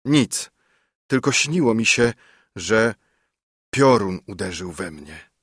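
A man's voice: lowish voice, expressive, slow pace, husky, no echo, studio quality, exaggerated voice. A man doing a shaken young village lad. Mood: frightened. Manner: quiet, faltering. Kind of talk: audiobook reading.

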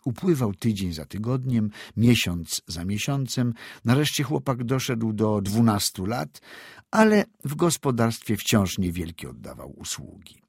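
A man narrating a classic short story aloud in a measured storytelling manner. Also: on the low side, big pitch swings, creaky, husky, dry recording, studio quality. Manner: measured storytelling with acted dialogue. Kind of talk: audiobook reading of classic prose.

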